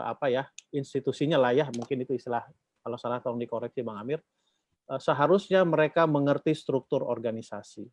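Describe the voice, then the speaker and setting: A man from the Batak region speaks informally to a church group. He rambles, uses a lot of fillers and poses questions for the listeners to complete. The recording is dull and dry, like low-fidelity audio. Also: no echo. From Batak, North Sumatra.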